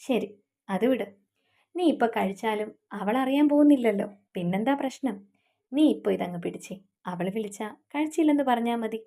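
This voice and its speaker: Lady doing a pushy young guy who mocks his buddy, mellow higher voice. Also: expressive, moderate pace. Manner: mocking, pushy. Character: young man, pushy mocking drinking buddy.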